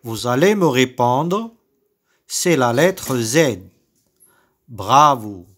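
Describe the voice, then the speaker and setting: A man with a Moroccan French accent teaching young children to read, saying words and syllables slowly and repeating each one. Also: medium pitch, expressive, a bit bright. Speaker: primary school teacher. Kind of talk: slow recorded reading lesson for young children.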